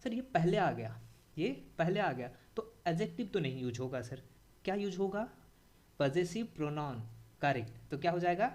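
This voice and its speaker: Animated Indian man teaching grammar. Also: on the high side, normal speed. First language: Hindi. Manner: repeats key points, asks the class questions, animated. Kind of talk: classroom grammar lesson.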